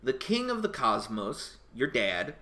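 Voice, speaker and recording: A man's voice: medium pitch, wildly swooping pitch, a little slow, pushed and bright. An American man hosting a casual podcast as its gaming historian, full of joking, self-mocking banter.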